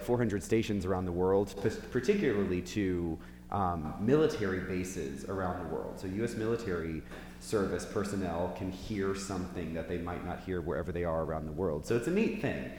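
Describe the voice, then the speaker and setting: A man's voice: low-pitched, lively intonation, normal speed, darkish tone. A man pastor leading a casual Bible study, chatty and joking, his voice echoing through a large church hall. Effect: big hall echo. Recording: echoey hall with faint hum.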